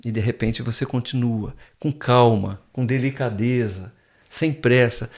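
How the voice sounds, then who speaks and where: A man's voice: medium pitch, measured pace, darkish tone. A man, a guest professor who explains things patiently with frequent restarts in a casual podcast chat in a studio.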